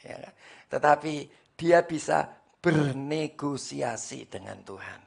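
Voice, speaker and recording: A man's voice: a little high, lively intonation, takes it slowly, gravelly, slightly rough. A male pastor preaching a sermon at a church service, speaking emphatically and often addressing the congregation directly.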